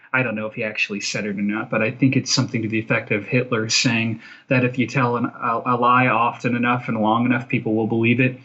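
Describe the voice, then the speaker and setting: A film director, appearing as an interview guest, talks in casual, opinionated conversation, emphatically repeating phrases to drive his points home. His medium-pitched voice is a bit bright and slightly rough, and the sound is lo-fi.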